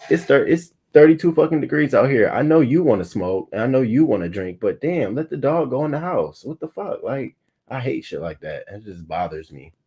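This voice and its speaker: A man in his thirties hosting a livestream morning show, chatting loosely with profanity and sudden loud bursts into a webcam mic. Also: mid-range voice, brisk, husky. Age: 30s. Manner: loose, profane and animated, often bursting louder. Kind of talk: casual livestream chat.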